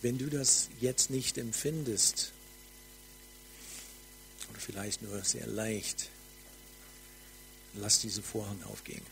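Slow fervent male preacher, faint hum. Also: fairly low pitch, steady tone, vocal fry, rough recording. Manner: slow, fervent, drops to soft near-whispers. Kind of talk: charismatic sermon with prophetic ministry.

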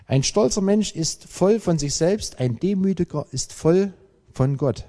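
A man preaching a sermon, emphatic and lively, with dramatic pauses. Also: high-pitched. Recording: long hall reverb.

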